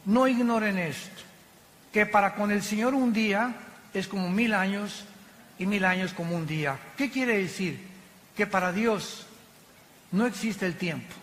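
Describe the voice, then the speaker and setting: A man preaching a passionate sermon from the pulpit, with sudden loud exclamations. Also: sits high, a little slow, a little hiss or hum. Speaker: pastor. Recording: long hall reverb.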